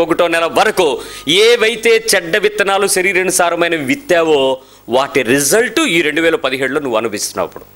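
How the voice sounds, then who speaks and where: A man preaching a lively sermon in church, firing rhetorical questions at his listeners and slipping English phrases into his speech. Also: high voice. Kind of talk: sermon to a congregation.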